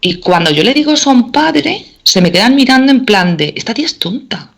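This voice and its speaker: A woman's voice: fairly high pitch, sing-song, fairly quick, gravelly, breathy edge. A middle-aged woman from Spain, a teacher chatting casually and filling her talk with "o sea" and "¿vale?". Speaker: teacher and guest. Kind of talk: casual chat.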